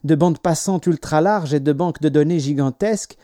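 A man's voice: fairly high pitch, normal speed, warm tone, no room sound. Man narrating an audiobook, dry close sound. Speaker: audiobook reader. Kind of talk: scripted narration.

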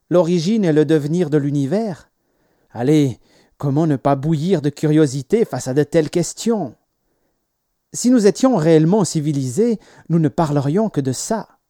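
A man narrates an audiobook in a measured, expressive reading, his voice sitting a little high for a man. The sound is close and dry, with no room echo. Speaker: audiobook reader. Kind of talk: scripted narration.

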